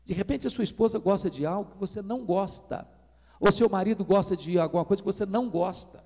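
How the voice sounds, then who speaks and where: A middle-aged Brazilian man preaching a storytelling sermon, animated and acting out dialogue. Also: high voice, fast talker. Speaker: pastor. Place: church or retreat hall. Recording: reverberant hall.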